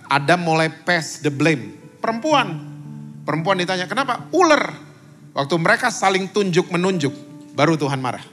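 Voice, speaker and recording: A man's voice: on the high side, fairly bright tone. A man, a pastor, preaching conversationally as a talk-show guest, quizzing the audience and mixing in English words. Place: church meeting room.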